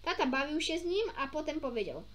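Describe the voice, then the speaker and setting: Reading a kids' story in a sing-song, fairly bright high voice, this young woman talks fast and keeps it casual. As an amateur reader she stumbles, fixes her mistakes and drops in chatty side comments, all delivered expressively.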